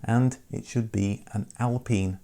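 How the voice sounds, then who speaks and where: Mellow man narrating a car documentary. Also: lowish voice, fairly even intonation, unhurried. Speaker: narrator and presenter.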